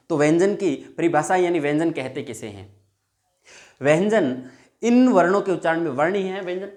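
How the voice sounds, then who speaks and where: Guy teaching a lesson, a bit higher voice, keeps repeating stuff and stretching out sounds. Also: a little mellow. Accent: Hindi. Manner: repeats and drags out example sounds; addresses viewers as friends. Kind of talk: classroom lesson.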